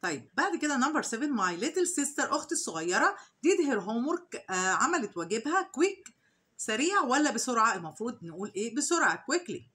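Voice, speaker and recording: A woman with an Egyptian Arabic accent, an English teacher, walking through exercise answers. She reads each English sentence slowly, then explains it in Arabic with questions to the students. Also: on the high side, big pitch swings, bright, forceful tone. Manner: asks rhetorical questions to the students. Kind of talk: exam answer walkthrough lesson.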